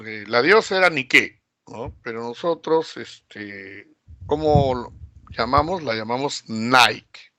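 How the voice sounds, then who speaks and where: A middle-aged Peruvian man teaching a geography class in Peruvian Spanish, drawing words out and filling pauses with hesitations and rhetorical questions. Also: medium pitch, animated, fairly bright tone, no echo. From Peru. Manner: slow, drawn-out delivery with many fillers and rhetorical questions. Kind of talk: recorded classroom lecture.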